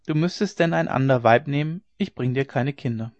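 A gentle, anxious young wife speaks softly and hesitantly, voiced by a man. The pitch sits in the middle range. The recording is dry and dull. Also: fairly quick, no room sound, close to an everyday voice. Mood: tender. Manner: soft, hesitant.

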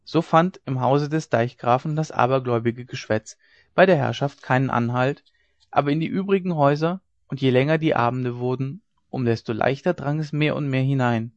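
A man narrates a classic story in a measured, dramatic manner, his voice at a middle pitch. The recording is dull and lo-fi, close and dry with no room echo. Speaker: audiobook reader. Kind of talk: scripted narration of a classic novella.

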